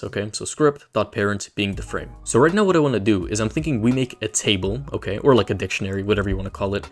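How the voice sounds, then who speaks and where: A young man from Canada casually explaining game coding, joking in slangy chatter full of fillers. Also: fairly low pitch. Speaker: Roblox tutorial creator. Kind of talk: casual coding tutorial with jokes.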